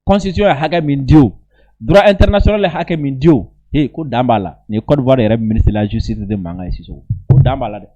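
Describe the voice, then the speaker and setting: A native Bambara-speaking man with a West African accent comments informally on statements he reads aloud for an online video, emphatically repeating phrases. His medium-pitched voice is mellow and a little fast, and the sound is lo-fi.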